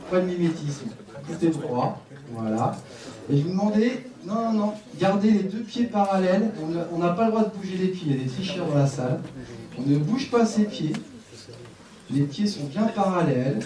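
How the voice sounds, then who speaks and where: A man giving a live conference talk on a headset mic, lively and directive, joking with his audience. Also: high-pitched, recorded from a distance. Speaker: conference speaker. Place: conference room with seated audience. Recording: echoey room, speaker off-mic at times.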